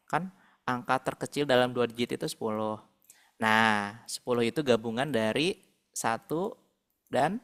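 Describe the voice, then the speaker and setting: A man's voice: medium pitch, fairly bright tone. A man tutoring a math class over a video call, patiently working through problems aloud. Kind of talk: online math lesson.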